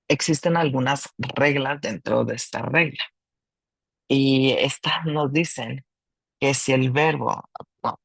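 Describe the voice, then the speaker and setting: A man's voice: medium pitch, creaky, a bit bright, no room sound, poor audio. A man teaching an online grammar lesson, explaining patiently in two languages with small restarts. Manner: slow and patient, switching between Spanish and English, with restarts. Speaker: English teacher.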